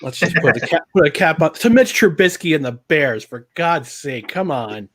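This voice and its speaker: A man's voice: fairly high pitch, lively intonation, normal speed, a bit bright. A man co-hosting a casual football reaction show, recapping plays with mock exasperation. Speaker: podcast co-host. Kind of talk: casual sports chat.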